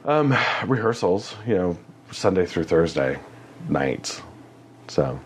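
A man's voice: low-pitched, very animated, slow pace, a little mellow, slight background noise. A man chatting casually as a guest about a stage show, rambling with fillers and frequent laughs. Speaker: guest, community theater actor. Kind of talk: casual chat.

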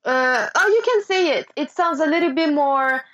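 A woman's voice: high voice, expressive, moderate pace, a bit bright. Woman switching languages midsentence, muffled sound. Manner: switches between French and English midsentence. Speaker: language teacher translating phrases into French. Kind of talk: conversational language lesson.

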